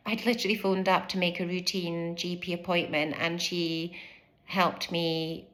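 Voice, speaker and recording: A woman's voice: on the low side, a little slow. A British woman in her fifties, a former family doctor, telling her own story candidly and animatedly to camera, acting out the things people said to her. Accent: British English. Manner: candid, animated, acts out quoted speech; fidgets and moves while speaking. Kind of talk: personal vlog storytelling to camera.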